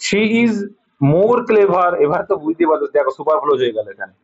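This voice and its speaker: A man with a Bengali accent works through an English grammar lesson, explaining each correction patiently and often checking that his students follow. His voice sits a little high for a man. The recording is dull and lo-fi. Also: lively intonation, brisk, husky. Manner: patient, repeats points and checks understanding. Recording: dull lo-fi sound.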